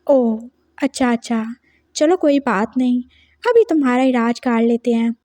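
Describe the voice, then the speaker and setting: A woman's voice: a little high, measured pace, mellow, no room sound, lightly acted. A woman voicing a young male doctor who is doting yet bossy, coaxing and insistent in a fan story.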